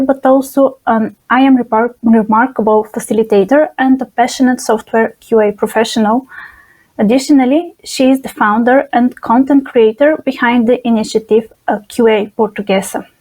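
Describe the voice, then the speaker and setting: A woman's voice: fairly high pitch, warm tone, rough recording. A woman hosting an online conference, reading formal introductions of the speakers. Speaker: conference host. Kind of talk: event moderation.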